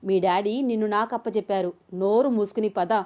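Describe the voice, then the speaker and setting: A woman's voice: medium pitch, fairly quick, darkish tone, lightly acted. A woman voicing Abhiram, a bossy, protective young man who gives stern orders. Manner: stern, commanding.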